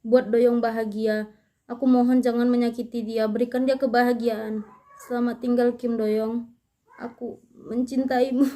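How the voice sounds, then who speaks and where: A woman reading the part of a gentle young man saying his last farewells in a fan story, in a soft, plain reading voice with a high pitch. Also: level tone, normal speed, close to an everyday voice. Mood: tender farewell.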